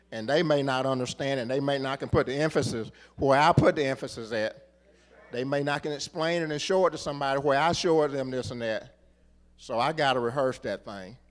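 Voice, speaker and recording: A middle-aged man with a medium-pitched voice preaches a sermon, repeating phrases for rhythm and building up to emphatic shouts.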